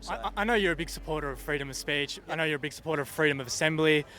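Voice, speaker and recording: A man's voice: a little high, rapid-fire, sharp tone. A man interviewing people at an outdoor rally, asking probing questions. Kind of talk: street interview.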